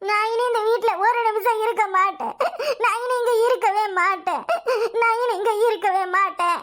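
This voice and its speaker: A woman's voice: very high voice, fairly quick, fairly bright tone. A woman voicing a touchy young married woman who protests with wailing self-pity, in a southern Tamil Nadu accent. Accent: southern Tamil Nadu dialect. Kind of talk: cartoon voice acting.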